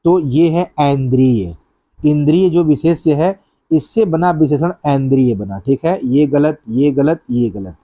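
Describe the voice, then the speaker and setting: A man's voice: on the high side, unhurried, dark tone, no room sound, dull audio. A man teaching an exam-prep class, going through practice questions step by step and repeating each answer.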